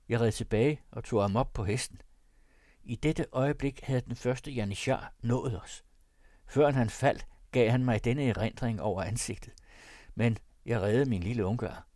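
A man's voice: lowish voice, darkish tone, no echo, studio quality, lightly acted. A man reading aloud and voicing a brave young cavalry cornet who speaks urgently and earnestly. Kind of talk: audiobook character voice.

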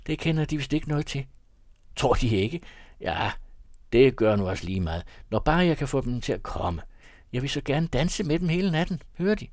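A man's voice: mid-range voice, expressive, darkish tone, no echo, clean studio sound, voice pushed up, close to an everyday voice. A man reading an audiobook, voicing an eager young male student who pleads and insists. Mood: pleading.

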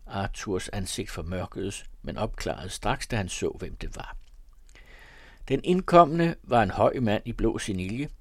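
A man reading a classic novel aloud, measured and expressive. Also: lowish voice, husky, dry recording. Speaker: reader.

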